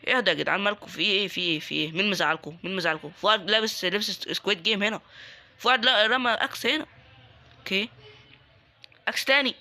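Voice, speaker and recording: Young man, Egyptian Arabic accent, gaming commentary, teasing, quick talker, high voice. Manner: excitable, joking, taunting other players. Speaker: gaming YouTuber. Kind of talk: live Roblox gameplay commentary.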